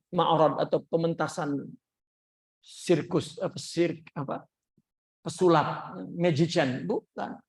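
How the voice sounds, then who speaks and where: A man teaching a religious class, telling a story and acting out the voices of its people. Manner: lively storyteller acting out quoted voices with big pitch jumps. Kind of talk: sermon storytelling.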